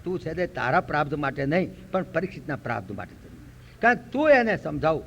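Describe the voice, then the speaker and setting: An older man voicing an aged male sage who pleads gently with his son. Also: on the high side, sing-song, fast talker, creaky, in a large hall, pitched below the performer's own voice, full character voice. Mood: pleading.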